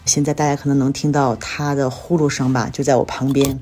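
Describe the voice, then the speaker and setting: Her voice is a rumbling low one with little pitch movement, brisk, mellow and slightly breathy. A woman from China, she hosts a casual podcast alone, chatting through her recent life in a storytelling way while seeming a bit tired and ill.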